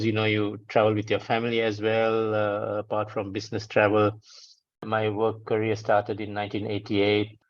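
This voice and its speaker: Guest, man, 50s, from Sri Lanka; low, flat delivery over dull lo-fi audio, easygoing with frequent laughs. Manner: relaxed, laughs often, hesitant restarts. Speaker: guest, founder of a travel rating firm. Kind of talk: conversational interview answers.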